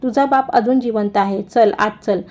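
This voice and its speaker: A woman's voice: a little high, normal speed, darkish tone, natural voice. A woman voicing a caring old farmer father who comforts his daughter, in a dull lo-fi recording. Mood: tender. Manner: soothing, reassuring.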